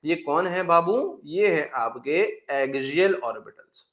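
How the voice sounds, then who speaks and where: Lively, echoey male chemistry teacher. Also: a little high, measured pace, dull audio. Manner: repeats key phrases, asks and answers own questions; calls students "beta" affectionately. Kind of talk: classroom lecture. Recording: echoey room.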